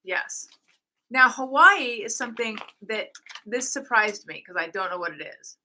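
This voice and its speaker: A woman's voice: on the high side, animated, normal speed, pushed and bright, slight background noise, poor audio. A woman hosting a casual chat, playfully reading out trivia and fighting a cough. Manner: playful, reads trivia aloud. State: coughing, a bit under the weather. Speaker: podcast host.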